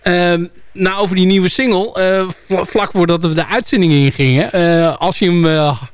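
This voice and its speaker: A man's voice: sits high, moderate pace, clear, resonant tone, dry recording. A man with a Hague accent hosting a casual radio interview, easygoing and hesitant with many filler sounds. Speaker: radio host.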